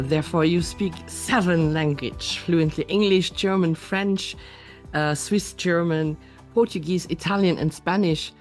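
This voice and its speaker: Low-voiced woman hosting, faint music. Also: darkish tone. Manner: friendly, laughing, with fillers. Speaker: host. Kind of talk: casual interview talk.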